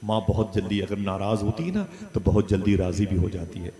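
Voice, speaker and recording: A man's voice: fairly low pitch, fairly even intonation, fairly quick. A man preaching a sermon, telling a story and calling on the audience to respond. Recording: crowd noise behind.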